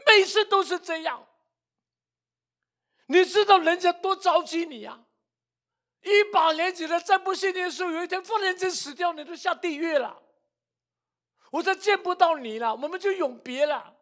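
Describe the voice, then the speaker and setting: A man's voice: moderate pace, long pauses, fairly bright tone. A preacher in a sermon voicing an anxious grown daughter who pleads with her mother in tears to come to church. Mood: pleading. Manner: urgent, tearful, high-pitched pleading. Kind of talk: sermon storytelling.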